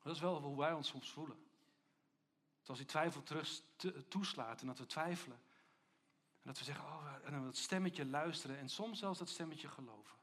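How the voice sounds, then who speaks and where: A man with a notably high voice preaches a sermon. He speaks with strong emphasis and keeps asking rhetorical questions of his listeners. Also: brisk, fairly bright tone.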